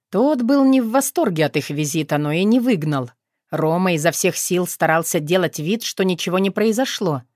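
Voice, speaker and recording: Low-voiced woman reading an audiobook. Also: no echo, clean studio sound. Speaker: audiobook narrator. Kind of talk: scripted narration.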